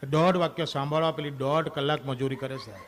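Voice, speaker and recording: A man's voice: fairly high pitch, steady tone, brisk, a little hiss or hum. A man performing a stand-up comedy monologue on stage, chatting straight to the audience and acting out scenes from married life. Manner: chatty, addresses the audience directly.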